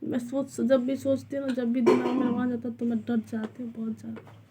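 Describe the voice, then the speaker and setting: A woman's voice: a little high, little pitch movement, brisk, background noise. A young woman vlogging casually from a small rented room at home, anxiously telling how a scare unfolded. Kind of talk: casual home vlog chat.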